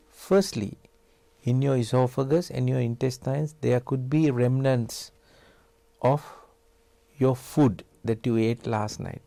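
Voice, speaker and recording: A man with a Sri Lankan accent explaining health advice as an Ayurvedic doctor, in a deliberate, instructive manner that spells out each point. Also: mid-range voice, gravelly, warm tone, no echo. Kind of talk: explanatory health talk to camera.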